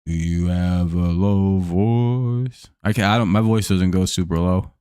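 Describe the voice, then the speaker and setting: The voice is low-pitched, dark and smooth, steady and unhurried, captured at studio quality with no echo. It belongs to a man casually calling baseball plays on a live stream, easygoing and jokey as he chats with viewers between plays, his voice slightly worn from a day of talking.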